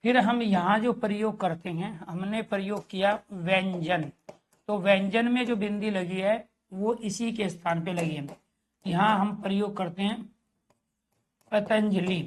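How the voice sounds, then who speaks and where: A man's voice: high voice, measured pace. Male grammar teacher, online class. Question-and-answer delivery, friendly direct address to students. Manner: asks the class questions and answers them himself; addresses viewers as dear friends.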